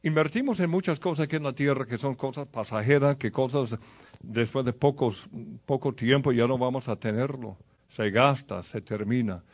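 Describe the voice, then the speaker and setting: Male preacher, mid-pitched, casual sermon delivery, talks straight to the congregation. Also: moderate pace. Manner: conversational preaching with anecdotes and direct address to the congregation.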